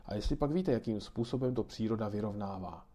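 A man's voice: fairly low pitch, warm tone, close to an everyday voice. A man reading aloud and voicing a kindly grandmother who patiently explains things to children. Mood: patiently explaining.

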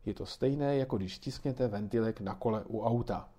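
A man's voice: fairly low pitch, mellow, breathy edge. A man reading aloud and voicing a kindly grandmother who patiently explains things to children. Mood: patiently explaining.

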